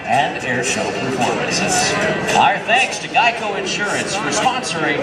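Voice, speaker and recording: A man's voice: a little high, very animated, unhurried. A man working as an airshow commentator, addressing the crowd in a showmanlike announcer's style. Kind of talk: airshow commentary over a public address system. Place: outdoor airshow, heard over loudspeakers with music behind. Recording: echoey outdoor loudspeaker from far off, loud music.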